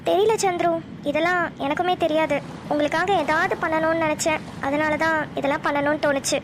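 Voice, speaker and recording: A young woman acting an earnest, loving young woman in a short family drama, speaking softly and sometimes hesitantly. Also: sits high, fairly even intonation, brisk, background noise, close to an everyday voice. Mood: tender. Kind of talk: Tamil short-film dialogue acting.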